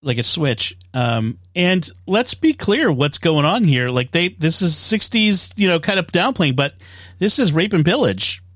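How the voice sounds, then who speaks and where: A man co-hosting a podcast, lively in casual discussion and quick to laugh. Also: on the high side, no room sound, studio quality. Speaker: podcast co-host.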